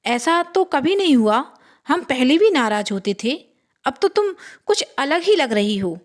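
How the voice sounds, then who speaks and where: A woman's voice: sits high, voice pushed up. Woman doing a pleading young man. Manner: pleading, apologetic. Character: young man pleading with his angry lover.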